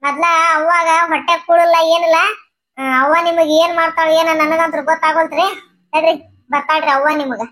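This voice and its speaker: A woman's voice: very high-pitched, level tone, fairly quick, fairly bright tone. A woman voicing a cheeky young sister-in-law with a North Karnataka accent. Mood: taunting. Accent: North Karnataka Kannada. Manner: teasing, taunting.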